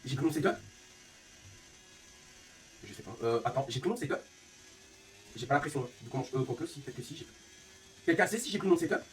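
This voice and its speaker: A man from northern France, a streamer and league organizer who is sick with a fever, rants angrily on a live stream, swearing constantly. His mid-range voice is off-mic and far away, with faint room ambience and a little hiss or hum, and he speaks rapidly and animatedly while fuming.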